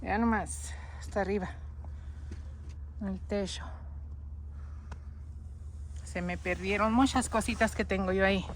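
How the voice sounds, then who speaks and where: A woman's voice: medium pitch, a bit bright. Female vlogger, casual walkthrough on a phone outdoors, faint noise. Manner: chatty, addresses viewers constantly. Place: outdoors in deep snow.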